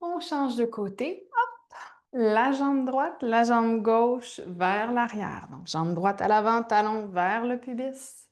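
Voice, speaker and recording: A woman yoga instructor with a fairly high voice. She speaks very slowly, leaving pauses between short, gentle cues. Her delivery is informal and calm-paced, as if moving through each posture along with the class.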